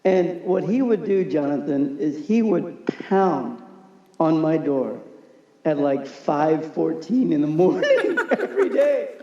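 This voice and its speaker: A man telling animated stories as a podcast guest, often laughing as he talks. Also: a little high, slow pace. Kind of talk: casual storytelling. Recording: echoey, muffled room recording.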